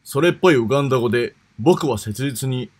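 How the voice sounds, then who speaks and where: A man's voice: mid-range voice, animated, a little fast. A man reading scripted announcements as a contest announcer.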